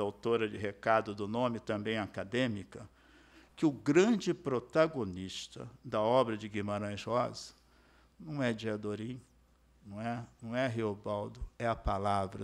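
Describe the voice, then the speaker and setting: A man with a Brazilian accent giving an academic lecture as a guest speaker. He explains step by step and keeps checking in with the audience through tag questions. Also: on the low side. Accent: Brazilian Portuguese. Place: lecture hall.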